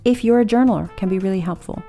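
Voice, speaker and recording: Woman hosting, medium-pitched conversational voice. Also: fast talker, dark tone, faint music behind. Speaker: show host.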